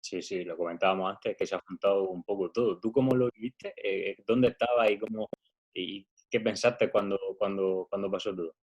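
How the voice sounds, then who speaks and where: Male interviewer, very low voice, conversational and halting, dull lo-fi recording. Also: a little mellow. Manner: conversational, stammering restarts. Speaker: interviewer, podcast host. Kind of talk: interview questions.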